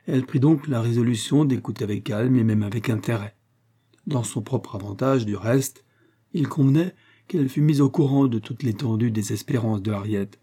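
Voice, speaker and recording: Husky, mellow male audiobook narrator. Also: medium pitch. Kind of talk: scripted narration of a classic novel.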